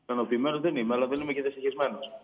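Casting: calm, even-tempered male caller, muffled phone line. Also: medium pitch. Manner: calm, reasoned replies. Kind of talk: phone-in argument.

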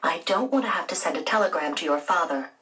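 A woman doing a stern, low-voiced aunt. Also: animated, fast talker, bright, forceful tone, recorded from a distance, poor audio. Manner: low, serious, warning. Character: stern but loving aunt, adult woman. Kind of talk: children's storybook narration.

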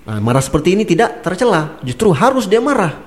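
Here a male Islamic preacher talks quickly in a high voice, casually explaining points of religion. He is spirited, laughing and chuckling as he dramatizes the characters in his examples, including people speaking in anger.

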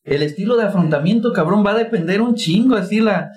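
A man's voice: high-pitched, fast talker, a little mellow. A young Mexican man speaking casual chat as a podcast co-host, slangy and laughing often. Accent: Mexican Spanish. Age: young adult.

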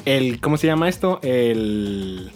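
A man's voice: mid-range voice, sing-song, slow pace, a little mellow, soft background music. A man hosting a casual joking chat, laughing often and rambling as he talks. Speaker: host.

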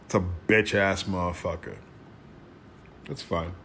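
A man's voice: sits low, steady tone, unhurried, creaky, fairly bright tone, a little hiss or hum. Blunt, swearing man in his thirties. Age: 30s. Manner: blunt, aggressive, swears constantly. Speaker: podcast host. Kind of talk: profane monologue rant.

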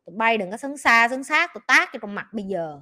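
A woman's voice: fairly high pitch, expressive, fast talker, sharp tone. A woman with a Southern Vietnamese accent, a life coach hosting a podcast and delivering a blunt, scolding, profane advice rant. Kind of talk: ranting advice monologue.

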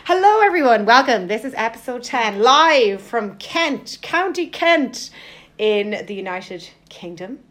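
A woman hosting a podcast interview in a casual chat, bubbly and excitable, laughing often. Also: fairly high pitch, a little slow. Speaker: podcast host. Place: Kent, United Kingdom.

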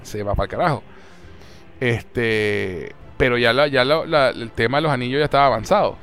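A young man with a Venezuelan Spanish accent, chatting casually as a podcast host and recapping a series in an animated way. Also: mid-range voice, moderate pace, faint music behind. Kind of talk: casual chat.

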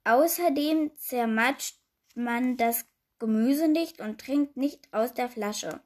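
A woman voices a fussy, prim queen anxious about manners, reading the rules aloud a little louder. Her pitch is fairly high and her pace slow.

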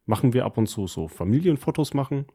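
A fast-talking man with a husky, dark, medium-pitched voice and lively intonation co-hosts a podcast. He chats casually in colloquial, slangy German, telling stories about his week.

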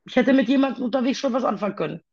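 A woman talking haltingly about her own past in a personal conversation, with many pauses and fillers. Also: a little high, expressive, a little mellow, muffled recording.

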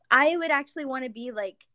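A woman's voice: high voice, sharp tone, no room sound, clean studio sound. A young woman chatting casually, giggly and gushing, often trailing off with fillers. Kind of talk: casual chat.

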